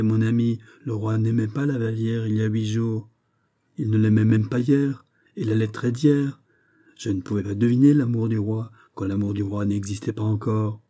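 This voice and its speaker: A man reads a classic novel aloud in a deep, dark, somewhat husky voice. He pitches the spoken exchanges higher and louder and lets the narration sink low and quiet. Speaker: audiobook reader.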